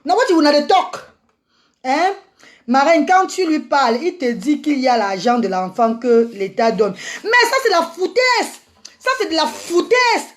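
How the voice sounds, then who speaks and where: Fiery, high-voiced woman scolding viewers. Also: sing-song, measured pace. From Africa. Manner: indignant, repetitive scolding with many restarts; addresses viewers as "maman" and "mes amis". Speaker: vlogger. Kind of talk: impassioned ranting monologue.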